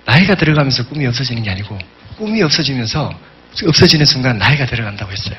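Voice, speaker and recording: A man's voice: mid-range voice, very fast, dull audio. A man giving an emphatic motivational seminar speech, telling stories and acting out quotes. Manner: emphatic, animated storytelling with acted-out quotes. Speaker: business seminar speaker.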